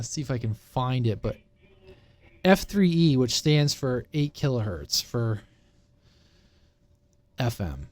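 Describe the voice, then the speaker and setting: A presenter covering radio technology talks through it casually and without a script, indoors at his computer with his screen shared. He has a mid-range, darkish voice. He wanders a bit informally and keeps circling back to repeat his central point.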